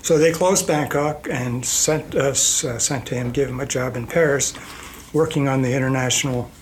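An older man from Iceland, a company president guest, telling his life story in a relaxed, rambling way with fillers and small chuckles. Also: mid-range voice, normal speed, a little hiss or hum.

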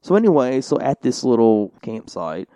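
Dark-voiced rambling man host. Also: mid-range voice, sing-song, moderate pace, no echo, muffled recording. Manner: rambling, with lots of filler "like" and "you know". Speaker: podcast co-host. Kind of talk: casual storytelling chat.

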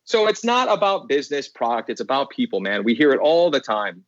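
A man's voice: medium pitch, big pitch swings, a little fast, no echo, highs cut off. Emphatic man telling a story. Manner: emphatic, repeats words for effect. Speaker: podcast guest. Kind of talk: animated storytelling.

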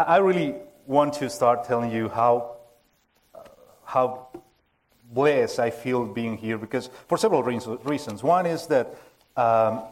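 In a church hall packed with listeners, a man whose first language is Spanish gives an informal sermon in a Spanish accent. His mid-range voice halts often, full of fillers and restarts, and he jokes at his own expense.

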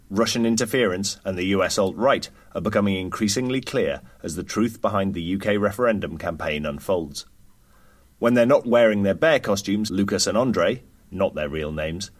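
Male interviewer-presenter, deepish and husky. Articulate scripted read with dry wit. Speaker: podcast host and interviewer. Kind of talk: scripted narration.

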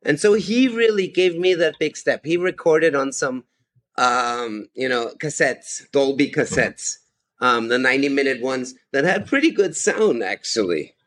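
A man's voice: mid-range voice, expressive, a little slow, fairly bright tone. A man in his fifties from Austria, chatting enthusiastically as a podcast guest and laughing often. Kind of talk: casual chat.

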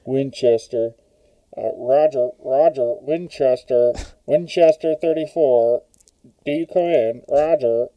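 A man who co-hosts a podcast is talking into a drinking glass as if it were a microphone. He plays out a loud mock radio call that clips the mic. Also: medium pitch, slow pace, no echo, low-quality recording. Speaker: podcast co-host tasting whiskey. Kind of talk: casual chat.

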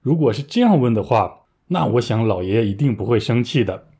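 A young man giving a scripted language lesson, explaining patiently and clearly with playful asides. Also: medium pitch, expressive, a little fast, warm tone. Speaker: Chinese language teacher.

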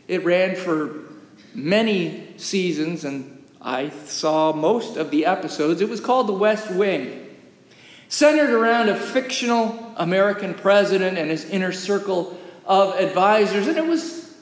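A man preaching a sermon during worship in a historic church sanctuary, in a measured, deliberate manner with long pauses. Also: sits high, expressive. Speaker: pastor. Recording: echoey sanctuary, long reverb.

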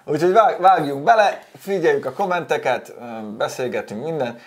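A man's voice: fairly high pitch, animated. A man hosting a casual talk show, joking and talkative as he welcomes listeners and guests. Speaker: host. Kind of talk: casual chat.

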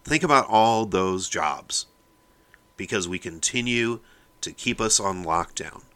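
A man's voice: on the low side, unhurried, sharp tone. A man hosting his own podcast, delivering a fired-up opinion monologue and lecturing his listeners, often calling them "people". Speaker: podcast host.

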